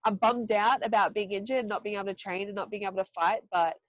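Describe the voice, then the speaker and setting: Woman, 30s, from Australia, candid podcast guest, mid pitch, dry sound. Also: fast talker, no room sound, muffled recording. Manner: candid, frequent swearing and laughing asides. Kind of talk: casual interview chat.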